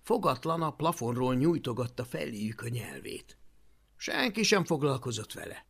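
Animated audiobook narrator, gravelly. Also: medium pitch. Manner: animated storytelling. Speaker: audiobook reader.

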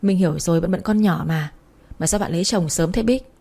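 A woman's voice: fairly low pitch, a little fast, dark tone. A woman reading the part of a chatty, boastful young woman student in an audiobook.

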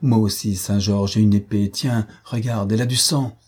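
A man voicing an earnest young colonel who pleads urgently and proudly, with a husky, dark voice. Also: lowish voice, fairly even intonation, normal speed. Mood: imploring.

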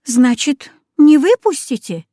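A scared little girl pleads in a high, wavering, tearful voice, her words slow and mellow in tone, as a woman reading a storybook puts her on. She begs and protests without letting up. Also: sing-song, no room sound, studio quality, exaggerated voice. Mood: pleading.

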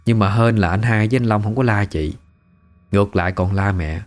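Low-voiced man telling a story. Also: fairly quick. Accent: Southern Vietnamese. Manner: conversational, emotive retelling. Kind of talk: first-person storytelling narration.

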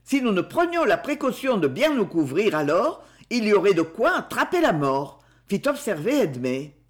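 A man reading a novel aloud as narrator in an expressive, theatrical way. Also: high voice, normal speed. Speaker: audiobook reader. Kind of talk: scripted narration.

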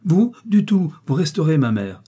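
A man's voice: a little high, big pitch swings, measured pace, warm tone, husky, pitched above the performer's own voice, heavily acted. A man reading an audiobook, voicing a strong-willed young farm wife who speaks firmly and commands her household. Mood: indignant. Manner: firm, commanding.

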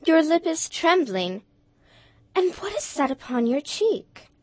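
A woman reading a Christmas tale, voicing a gentle, otherworldly spirit in a calm, measured way. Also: very high voice, no room sound, pitched above the performer's own voice, heavily acted. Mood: solemn.

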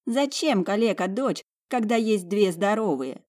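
A woman's voice: mid-range voice, lively intonation, measured pace, darkish tone, voice pushed up, close to an everyday voice. A woman voicing a spiteful, sneering young noblewoman in an audiobook, taunting her sister.

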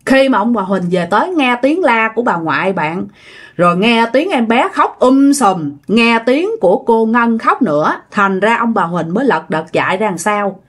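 A woman's voice: a little high, lively intonation, normal speed, slightly rough. A woman telling a ghost story in a chatty way, often addressing her listeners directly. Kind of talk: casual ghost-story narration.

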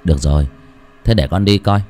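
A man voicing a respectful young villager who calmly reassures an older man. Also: deep voice, brisk, faint music behind, voice pushed down, natural voice. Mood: reassuring.

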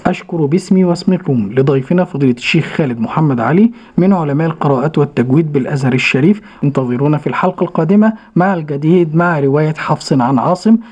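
A man's voice: on the high side, rapid-fire, hardly any pauses, darkish tone, breathy edge. A man hosting a radio recitation lesson, formal and courteous, introducing segments and repeating phrases after his guest. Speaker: radio program host. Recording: dull lo-fi radio recording.

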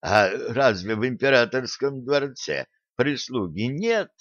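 A man's voice: medium pitch, animated, measured pace, a bit bright, dry recording, voice pushed up. Guy reading a timid flustered professor, stammery, dull audiobook. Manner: flustered, hesitant. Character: fussy timid male professor.

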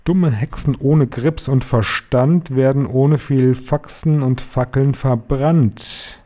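A man voicing a tyrannical female witch leader in a storybook reading, screeching and slow with menace. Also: mid-range voice, dark tone, lightly acted. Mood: scornful rage. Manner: screeching, spitting scorn, slow menacing emphasis.

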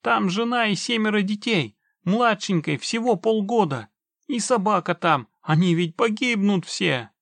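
A man's voice: high voice, lively intonation, measured pace, creaky, dry recording, voice pushed up, full character voice. A man voicing a panicked, trapped middle-aged man who screams and begs for help. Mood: begging. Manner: screaming, pleading desperately.

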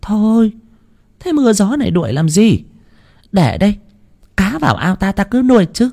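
A man voicing a shrill, stingy old village wife who scolds and schemes. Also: sing-song, moderate pace, creaky, warm tone, exaggerated voice. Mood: scheming. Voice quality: high, strained, nagging.

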